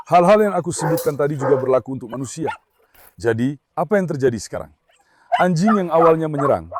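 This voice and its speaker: A man's voice: on the high side, noisy background. A man running a casual farm vlog, coaxing and calling his dogs and chatting to viewers between. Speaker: farm owner and dog keeper.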